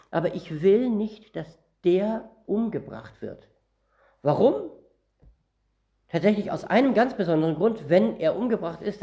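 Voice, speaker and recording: The speaker is a man from northern Germany with a high, dark-toned voice. In his Bible-teaching sermon he reads scripture out loud and goes through it word by word, keeping things conversational.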